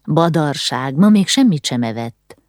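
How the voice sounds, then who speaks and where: A woman's voice: low voice, lively intonation, a little mellow, dry recording, studio quality. A woman doing a fussing old cook. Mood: hushed. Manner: fussing, scolding.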